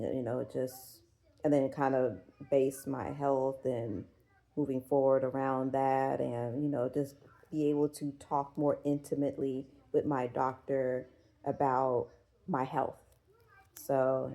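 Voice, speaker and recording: A woman in her forties talks loosely to her viewers with a gravelly, fry-laced voice. Her tone is dark and mellow. She rambles, swears freely and leans on fillers. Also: a bass voice, low-quality recording. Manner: rambling, profane, full of fillers. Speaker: vlogger. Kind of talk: casual chat.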